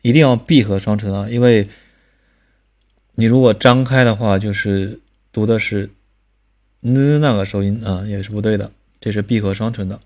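Man, somewhat low voice, patient teacher, recorded pronunciation lesson. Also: flat delivery, darkish tone. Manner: patient, drills sounds slowly with repetition.

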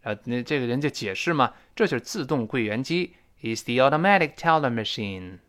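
A man's voice: mid-range voice, animated, a little fast, fairly bright tone. A man teaching a spoken English lesson, explaining pronunciation and modeling phrases for learners to repeat.

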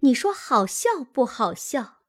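A woman's voice: sits high, big pitch swings, a little slow, heavily acted. A woman reading as a chatty, gossipy young maid girl who talks on indignantly. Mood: chattering.

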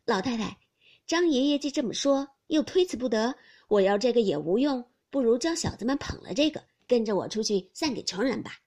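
A woman's voice: a little high, animated, brisk, a little mellow. A woman voicing a spirited noble teenage boy who talks eagerly and cheerfully.

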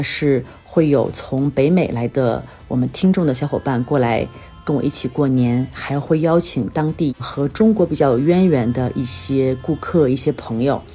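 A podcast host from China, a bit tired and under the weather, shares everyday stories in a chatty solo life-update monologue. Her very deep, dark voice moves at a moderate pace, with faint music behind it.

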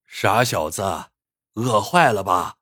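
A man's voice: lowish voice, expressive, a little slow, fairly bright tone. A man doing a kind old village grandpa. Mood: kindly.

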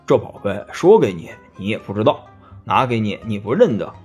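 A man's voice: fairly low pitch, wildly swooping pitch, moderate pace, mellow, slightly rough, soft background music, exaggerated voice. A man voicing a greedy, sly male pig demon who talks secretively in a storybook tale.

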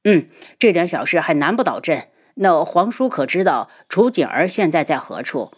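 A woman's voice: on the low side, very animated, moderate pace, husky. A woman voicing an earnest, curious young emperor in an audio novel, speaking in an eager, questioning way.

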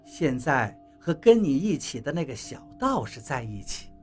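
A woman voicing a sly, cold woman in an audiobook story, speaking low, hushed and contemptuous. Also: very animated, moderate pace, slightly rough, faint music behind, heavily acted. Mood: cold, scornful.

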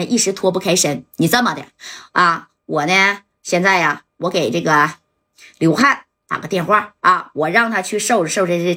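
Woman doing a smooth young playboy, lowered voice, husky edge, coaxing drawl. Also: bright, forceful tone. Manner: soothing, boastful, drawn-out phrases. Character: smooth-talking rich young playboy man.

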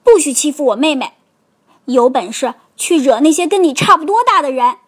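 A woman's voice: high-pitched, lively intonation, measured pace. A woman voicing a brave, indignant young bear boy in a storybook. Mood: angry. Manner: loud, indignant.

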